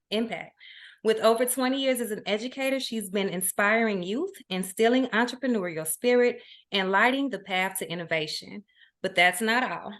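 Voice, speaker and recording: A woman co-hosting a podcast, lively and enthusiastic in casual chat. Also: mid-range voice. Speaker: podcast co-host.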